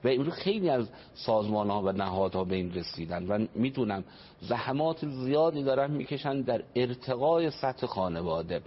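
Over a dull radio broadcast with faint background noise, a man speaks earnestly about family life from a religious angle, explaining traditions and quoting them. He is a family counselor, and his medium-pitched voice is expressive with a breathy edge.

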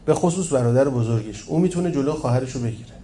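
A man's voice: mid-range voice, lively intonation, warm tone, a little hiss or hum, natural voice. A man reading the part of a stern, zealous man who urges harsh discipline, insistent and commanding.

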